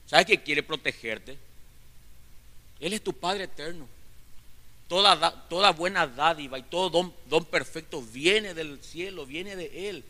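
A male pastor delivers a fervent sermon, calling out to his brothers and sisters with question after question. His voice is bright and forceful and sits a little high. It rings with the long reverb of a large church hall. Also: a little slow. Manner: preaching fervently, addressing listeners as brothers with rhetorical questions.

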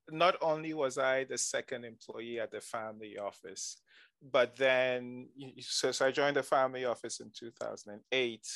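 A man's voice: medium pitch, gravelly, a bit bright, no room sound. Guest voice: man from ghana, 40s, chatty venture investor, dry close mic. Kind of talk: conversational interview.

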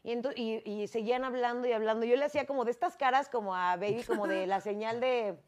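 A woman's voice: on the high side, quick pace, a little mellow. A woman with a Mexican accent telling a story on a comedy podcast, chatty and slangy. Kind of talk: casual storytelling.

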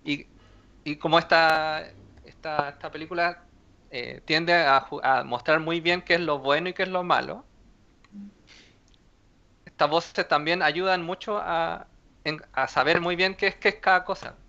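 A man's voice: on the high side, steady tone, measured pace, pauses often, bright, forceful tone. A man, co-hosting a casual film review chat in an informal, agreeable manner. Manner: brief agreeing interjections, informal. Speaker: podcast co-host. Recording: dull lo-fi audio.

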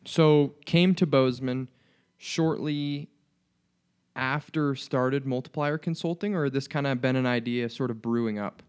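A young man hosts an interview in an upbeat, casual way. His voice is smooth and clear, at a middle pitch. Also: unhurried, darkish tone. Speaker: host.

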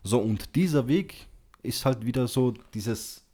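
A man talking in a relaxed, slangy way, padding every phrase with filler and calling his listener bro. His voice sits at an ordinary middle pitch. When he tells a story, he acts out the lines of everyone in it. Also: measured pace. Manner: tells stories acting out quoted dialogue. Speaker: podcast host. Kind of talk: casual chat.

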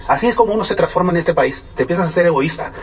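A man's voice: sits high, animated, rapid-fire, husky. A man with a Mexican accent telling a story to an audience in a conversational way and often asking them questions. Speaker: speaker giving a testimony. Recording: voice from far off the mic.

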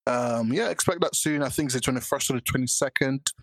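A man's voice: medium pitch, quick pace, dry recording. A man co-hosting a podcast in casual, slangy chat. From Britain. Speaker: podcast co-host.

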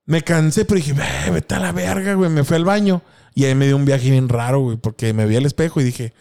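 Fast-talking and slangy, a young man with a Mexican accent tells a story as a podcast co-host, laughing and voicing the people he quotes. His mid-range voice has a dark, smooth tone.

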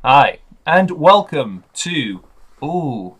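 A man's voice: on the high side, big pitch swings, drawn-out words, a bit bright, husky. Man on a clipping, distorted mic. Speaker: podcast co-host. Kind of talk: casual chat.

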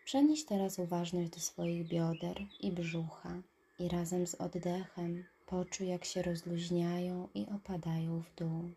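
A woman narrating a guided relaxation in a soft, calm voice that trails into breathy whispers. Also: on the low side, unhurried, a little hiss or hum. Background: birdsong and nature ambience.

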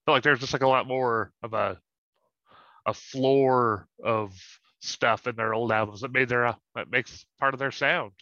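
A laid-back podcast co-host with a very bright, sharp voice chats casually, full of fillers. His mic sounds dull and lo-fi, and the sound is completely dry. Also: mid-range voice, steady tone, moderate pace, dry recording. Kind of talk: casual chat.

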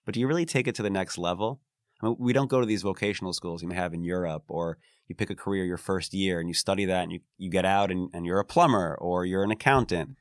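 This deep-voiced American lawyer talks quickly and earnestly about his career during a relaxed, reflective interview. Restarts and "you know" asides come up often, and the sound is dry and clean, as from a studio.

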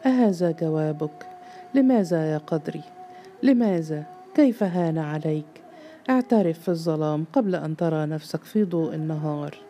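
A woman voicing a harsh, grief-stricken middle-aged father who pleads and shouts in a storybook reading. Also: low voice, normal speed, slight background noise, close to an everyday voice. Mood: demanding. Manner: stern, pleading, bursting into shouts.

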